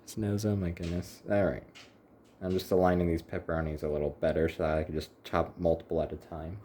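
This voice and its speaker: A man's voice: extremely low pitch, level tone, quick pace, dark tone, slight background noise. A man chatting casually to the camera while cooking in his home kitchen, rambling with wry little asides. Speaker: home cook, channel host.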